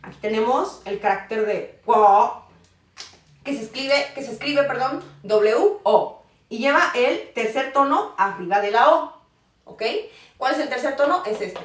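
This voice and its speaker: A woman's voice: high-pitched, animated, moderate pace. Woman teaching in an echoey room. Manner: patient, checks in with "ok?" often. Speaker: Mandarin teacher. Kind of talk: live online class. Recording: roomy echo, voice far from the mic.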